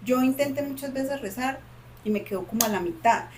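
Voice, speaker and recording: Against a noisy background, a high-voiced woman speaks a little fast while co-hosting a podcast. She dramatically recounts a personal story in a lively way, using lots of repetition.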